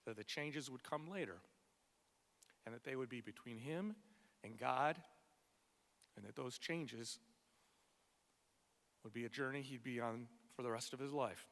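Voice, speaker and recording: A man delivering a prepared funeral eulogy for a friend, tender and measured, in short phrases with weighted pauses. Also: mid-range voice, fairly bright tone. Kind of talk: prepared memorial speech. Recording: long echoing reverb of a hall.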